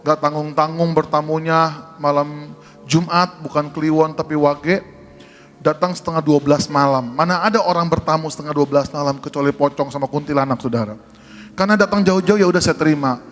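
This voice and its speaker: Male pastor, humorous storytelling, slightly high voice, faint music behind. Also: steady tone, brisk, a bit bright. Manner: humorous storytelling, addressing congregation. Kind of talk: sermon testimony.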